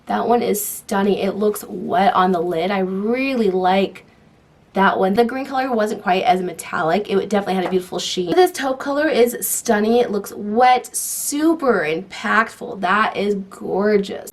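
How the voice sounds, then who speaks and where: Here a young beauty vlogger talks through a relaxed makeup tutorial, applying products while chatting eagerly. Her mid-range voice, delivered at a moderate pace, sounds slightly off because of a cold that hasn't quite cleared.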